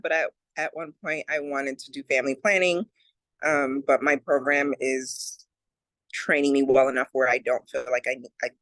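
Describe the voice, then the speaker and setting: A man's voice: mid-range voice, a bit bright, no room sound, rough recording. A man resident from Boston introducing himself over a video call, easygoing, with a little stammering. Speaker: third-year resident.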